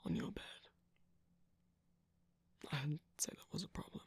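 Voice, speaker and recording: An ASMR performer voicing a suspicious, sardonic villain jester cookie in an intimate roleplay, breathy and often dropping to a whisper, close on the mic. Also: darkish tone, natural voice. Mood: drowsy, wry. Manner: sardonic, teasing, drawn-out phrasing. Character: mischievous, suspicious, guarded villain cookie jester, grudgingly softening. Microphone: close, dry microphone.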